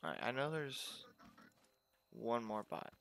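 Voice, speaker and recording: A man with a gravelly, crackly voice at an ordinary pitch talks through his gameplay as if to himself, relaxed and musing. Faint noise sits under the recording. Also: takes it slowly. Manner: relaxed thinking aloud, talking to himself. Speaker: gameplay commentator. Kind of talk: casual game commentary.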